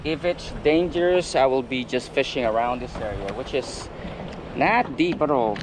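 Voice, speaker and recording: Man, mid-pitched voice, halting casual vlog talk, outdoor recording with clear water and wind noise. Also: expressive. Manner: halting, pausing mid-sentence. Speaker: kayak fishing vlogger.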